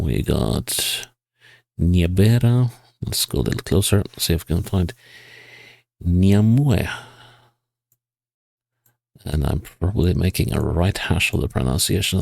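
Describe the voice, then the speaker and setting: A man giving casual gameplay commentary, musing to himself and reading signs and place names aloud in a husky voice. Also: low voice, a little mellow, no echo. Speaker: GeoGuessr player.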